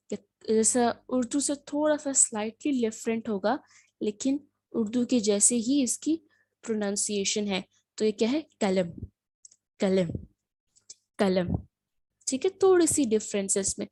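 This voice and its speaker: A woman's voice: fairly high pitch, mellow, no echo, clean studio sound. A woman teaching a spoken language lesson, patient, repeating words and asking herself questions as she explains. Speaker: Turkish teacher.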